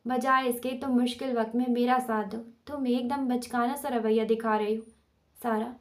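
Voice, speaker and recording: A woman voicing a young husband in a storybook reading, clipped and self-justifying, sitting a little high and staying on a narrow, level pitch. The delivery is sober and controlled rather than loud. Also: steady tone, natural voice. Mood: defensive. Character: young husband, tense and defensive.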